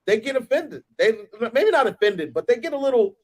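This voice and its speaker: A man co-hosting a casual panel talk, animated and rambling, with lots of restarts. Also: very high-pitched, brisk, rough recording. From United States. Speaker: podcast co-host.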